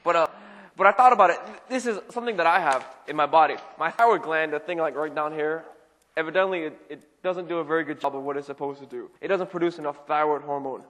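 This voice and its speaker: Casual young pastor in an echoing hall. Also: male voice, a little high, fast talker, fairly bright tone. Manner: chatty, frequent "you know" and "like" fillers. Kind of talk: casual conversational sermon. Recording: long reverb of a hall.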